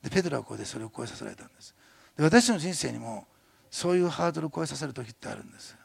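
An older man preaching a sermon as a pastor, chatty and animated, often adding tag questions and laughing. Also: mid-range voice, rapid-fire, gravelly, slightly rough.

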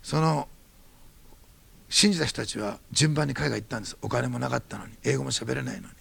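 Gravelly fast-talking male pastor. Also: medium pitch. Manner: fast-talking, animated storytelling. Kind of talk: sermon testimony.

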